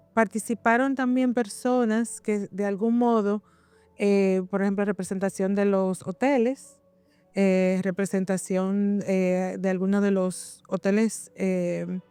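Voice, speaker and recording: A woman's voice: medium pitch, warm tone, smooth, no echo. A woman instructor, talking conversationally and often searching for words as she explains academic work. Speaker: university instructor.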